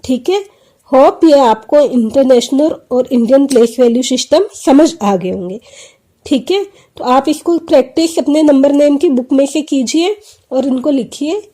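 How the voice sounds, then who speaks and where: A woman's voice: high-pitched, normal speed, dark tone. A woman teaching a math lesson, explaining step by step and asking questions that she answers herself. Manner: explains step by step, often asks and answers her own questions. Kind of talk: classroom math lesson for children.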